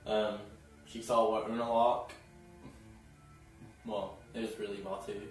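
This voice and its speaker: This man reviews a TV episode in a casual, giggly recap, acting out what characters said. His voice is on the low side, flat and a little slow, recorded from a distance. The off-mic sound comes from a very echoey room with faint music.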